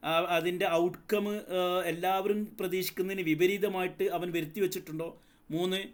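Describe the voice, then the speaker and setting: Man, psychology tutor, explains step by step, asks questions. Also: sits high. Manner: explains step by step, asks the class questions, mixes in English terms. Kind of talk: lecture.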